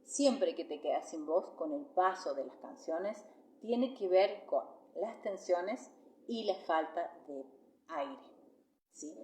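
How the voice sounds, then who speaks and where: A woman's voice: lowish voice, darkish tone, roomy sound, slight background noise. A woman with a Rioplatense Spanish accent teaching singing in a live masterclass, chatty and explanatory, often checking in with "¿sí?".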